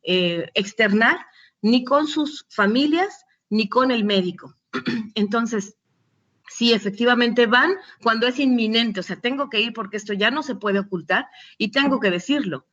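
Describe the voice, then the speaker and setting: A woman's voice: a little high, measured pace, fairly bright tone, muffled recording. A middle-aged Mexican woman, a doctor, giving a conversational recorded lecture with frequent restarts and fillers. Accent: Mexican Spanish. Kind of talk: recorded lecture with patient anecdotes.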